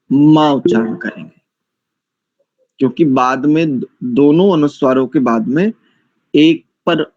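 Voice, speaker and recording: A man's voice: on the high side, a little mellow, dry recording, dull audio. A man with a Hindi accent teaching Vedic mantra pronunciation in an online class, breaking words into syllables and repeating them. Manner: slow, syllable-by-syllable pronunciation drills. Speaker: Sanskrit chanting teacher.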